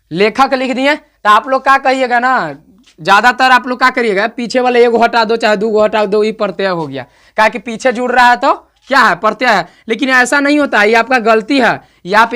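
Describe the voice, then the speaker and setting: A man's voice: very high voice, sharp tone. Man drilling a grammar lesson. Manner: direct, repeats words aloud to drill pronunciation. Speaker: teacher.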